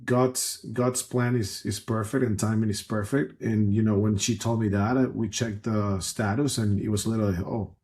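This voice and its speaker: A man, speaking as a guest in a fairly low, mellow voice. He talks earnestly and loosely, circling back and restarting his sentences as he tells his story. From Ecuador. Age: 30s. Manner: earnest, rambling, many restarts and "like" fillers. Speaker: guest entrepreneur. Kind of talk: casual conversational storytelling.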